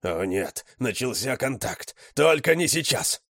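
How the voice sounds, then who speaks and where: A man's voice: mid-range voice, sing-song, measured pace, a bit bright, slightly rough, no echo, voice pushed up, heavily acted. A man voicing a talking male dog in an audiobook, urgent and pleading. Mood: panicked. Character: lab dog, male, talking, heroic and lovesick.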